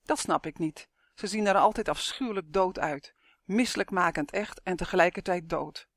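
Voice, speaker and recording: A narrator reading a first-person suspense story in a steady, measured way on a close microphone. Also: mid-range voice, dry recording. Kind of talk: audiobook narration of a suspense novel.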